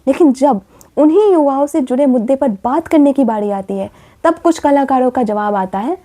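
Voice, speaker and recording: A woman's voice: sits high, normal speed, dark tone. A woman hosting a commentary vlog, speaking with passion and asking pointed rhetorical questions. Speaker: vlogger.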